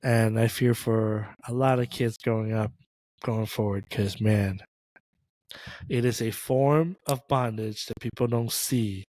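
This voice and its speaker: A man's voice: on the low side, steady tone, unhurried, darkish tone, no room sound. A man from Thailand co-hosting a casual faith podcast, talking in an emphatic, joking way. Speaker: podcast co-host.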